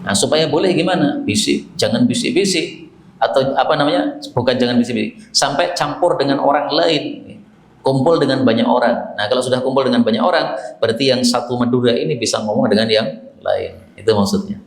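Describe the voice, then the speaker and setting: A man's voice: medium pitch, a little fast, vocal fry. A male Islamic teacher giving a sermon-style religious lesson, explaining Arabic phrases word by word and addressing listeners as sir. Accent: Javanese Indonesian. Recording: echoey hall.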